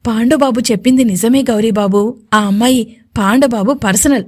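A woman playing a frightened underling who pleads humbly in a storybook drama. Nervous and deferential, with a fairly high voice. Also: normal speed, close to an everyday voice. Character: timid servile man, frightened underling.

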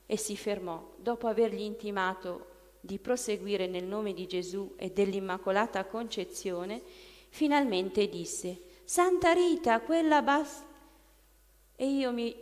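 A woman giving a measured, solemn reading of a first-person account as scripted narration. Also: medium pitch. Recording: long reverb.

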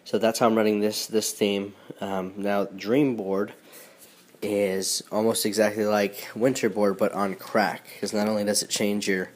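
Nasal, low-voiced man with a cold. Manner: relaxed, chatty, with frequent ums and restarts. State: sick with a stuffy nose. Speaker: host. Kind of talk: casual phone tutorial walkthrough.

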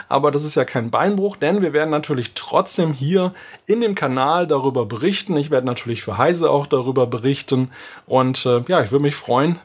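A man in his forties with a slightly high, breathy-edged voice runs a casual tech vlog from his home office, where a desk and monitor sit behind him. The camera holds a close head-and-shoulders shot as he chats, thinks aloud, and drops in fillers.

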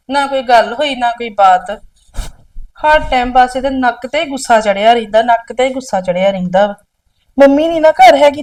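A woman's voice: on the high side, darkish tone, natural voice. A woman playing an exasperated elder sister, scolding her younger sibling in a village drama. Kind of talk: village short film acting.

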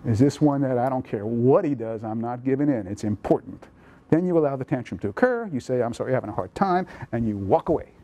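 A man, a pediatrician, giving a lively lecture on parenting to an audience in a lecture room, acting out children's thoughts as he goes. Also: medium pitch, brisk. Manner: lively, animated, acts out kids' thoughts.

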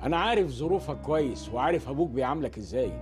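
An actor playing an Egyptian family elder lecturing a young man, measured and disappointed. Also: medium pitch, expressive, music in the background, natural voice.

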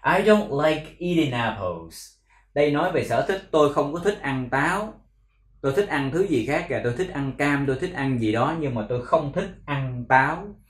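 A man with a Vietnamese accent teaching English pronunciation, repeating words slowly and explaining in Vietnamese. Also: a little high, roomy sound. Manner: slow drilled repetition of English words. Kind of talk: pronunciation lesson.

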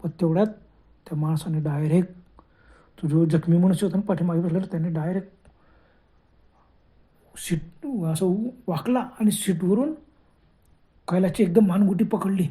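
A man's voice: high voice, normal speed, long pauses, mellow. A man telling a horror story in a dramatic way, full of gasping exclamations.

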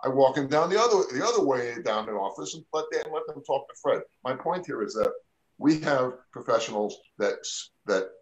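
A man's voice: mid-range voice, expressive, brisk, lo-fi sound. A man, an immigration attorney talking on a live radio show, casual and emphatic, says he is losing his voice. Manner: conversational, lots of "you know" and "all right?".

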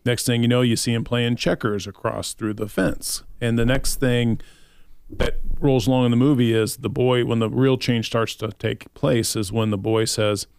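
A man co-hosting a radio talk show, calmly retelling a film's plot in a plain, steady way. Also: mid-range voice, moderate pace, smooth, dry recording.

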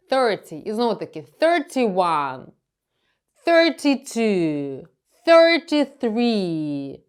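Smooth-voiced woman drilling English pronunciation slowly. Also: on the high side. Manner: drills sounds slowly, explains tongue placement. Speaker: English teacher. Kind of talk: pronunciation lesson.

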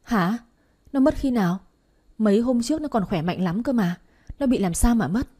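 A woman voicing a nosy, gossiping neighbor woman who asks loud, prying questions in an audio story. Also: fairly high pitch, lively intonation, fast, pitched above the performer's own voice.

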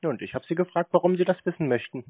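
Over a tinny phone connection with slight background noise, a man with a somewhat high voice speaks fast. He answers scam calls as a prankster, needling and dry, by turns sardonic, challenging and evasive.

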